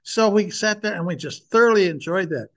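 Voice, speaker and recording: A man's voice: high voice, lively intonation, brisk. An older man speaking earnestly and with emphasis, preaching and sharing a personal testimony with his listeners.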